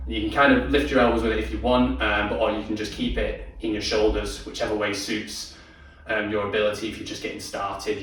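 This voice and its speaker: A man's voice: fairly low pitch, a bit bright. Echoey male dance instructor counting beats. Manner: counts beats aloud and sings cues; chatty, encouraging, many ums. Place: dance studio. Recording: very echoey studio from far off.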